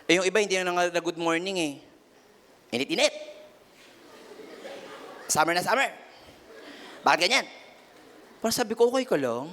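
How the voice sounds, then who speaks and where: A young man giving a lively youth sermon as pastor, switching into voices of family members as he tells stories. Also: high voice, normal speed, long pauses, a little hiss or hum. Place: church hall. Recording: long hall reverb.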